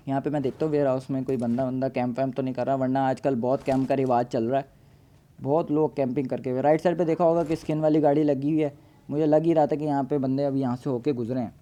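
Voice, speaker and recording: Joking gamer, mellow voice. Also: male voice, fairly high pitch. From Pakistan. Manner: casual, joking, playful storytelling. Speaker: gaming YouTuber. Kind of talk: gameplay voice-over commentary.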